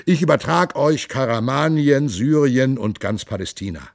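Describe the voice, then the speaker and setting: A man voicing a boastful warlord king who declaims loudly and grandly, with a gravelly voice. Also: mid-range voice, animated, normal speed, no echo, studio quality, voice pushed up.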